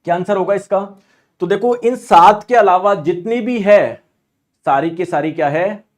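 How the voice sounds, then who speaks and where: Guy teaching physics for exam prep, kinda high voice, keeps firing questions at the class and answering them. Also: a little slow. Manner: lively, asks and answers his own questions; acts out students' objections in asides.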